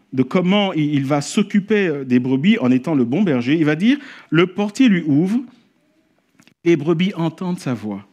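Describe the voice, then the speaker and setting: A man preaching a sermon at a church service, telling a story and rising to animated exclamations. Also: medium pitch, muffled recording. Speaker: pastor.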